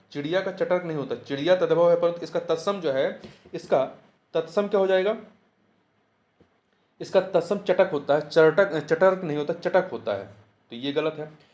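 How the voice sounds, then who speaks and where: A man's voice: a little high, a little mellow. Man explaining exam answers. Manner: repeats answers, asks and answers his own questions. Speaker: Hindi exam teacher. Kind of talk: test answer explanation lesson.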